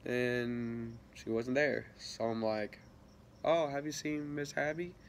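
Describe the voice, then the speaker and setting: A teenage guy, feeling a little sick, takes his time narrating a casual vlog story in a steady, medium-pitched voice. He rambles, restarts and uses lots of fillers, laughing softly, over a faint hiss or hum.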